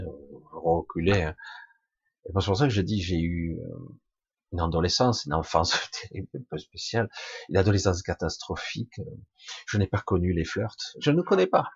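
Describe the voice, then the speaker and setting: A man's voice: deep voice, husky, no room sound, highs cut off. A man in his fifties musing casually to the camera in a reflective personal monologue, with swearing and filler sounds. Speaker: speaker addressing viewers on camera.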